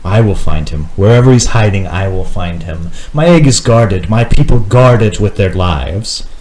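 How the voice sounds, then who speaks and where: A man voicing an ancient, proud and territorial male phoenix who speaks slowly and repeats himself. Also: on the low side, lively intonation, darkish tone, a little hiss or hum, pitched below the performer's own voice, lightly acted. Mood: menacing. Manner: slow, grand, repeats himself. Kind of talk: tabletop role-play voicing.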